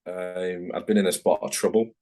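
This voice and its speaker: A middle-aged tattoo artist from Manchester, England, speaks in a deep, warm voice with flat delivery at a moderate pace. As a guest on a casual video-call interview, he talks frankly and rambles, often correcting himself, in a Manchester English accent.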